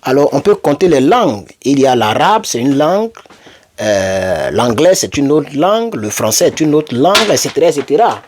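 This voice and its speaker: A man's voice: medium pitch, very animated, moderate pace, slight background noise. A man teaching an English lesson, explaining patiently and repeating words, his voice jumping up when he reads out example sentences.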